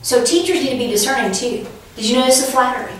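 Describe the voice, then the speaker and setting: A woman Bible teacher leads a preaching class conversationally, telling anecdotes and laughing now and then as she does. She talks fast in a high, expressive, fairly bright voice, recorded from far off in an echoey room with slight background noise.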